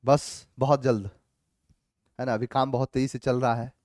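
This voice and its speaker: A man teaching an English grammar class, reading each sentence slowly and then explaining it in a mix of two languages, sometimes calling students "babu". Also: medium pitch, little pitch movement, darkish tone, no room sound, studio quality. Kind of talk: online class going over grammar answers.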